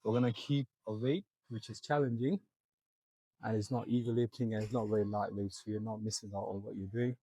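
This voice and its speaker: A man's voice: on the low side, fairly even intonation, brisk, dark tone, breathy edge, poor audio. A young man in a gym, out of breath, coaching viewers step by step through a back workout. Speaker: fitness vlogger. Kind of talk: casual gym walkthrough.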